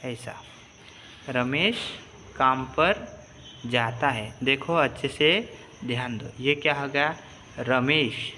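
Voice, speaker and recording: Slow, patient man teaching reading. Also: medium pitch, sharp tone, slight background noise. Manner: patient, repeats and spells out syllables. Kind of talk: slow step-by-step reading lesson.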